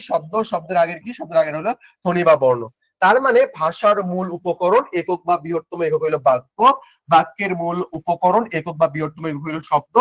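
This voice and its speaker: This male admission test tutor is young and high-voiced, and his sound is dry and close with no echo. In an online exam-prep lecture, he asks questions and supplies the answers himself, repeating key terms in an informal style that mixes in English words.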